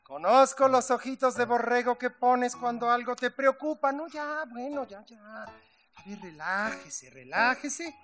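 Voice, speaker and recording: A man's voice: very high voice, measured pace, fairly bright tone. A man playing a flamboyant, jealous middle-aged drag star on a theater stage, campy and sarcastic with swooping indignation. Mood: coaxing. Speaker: stage actor in a musical. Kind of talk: live stage musical acting.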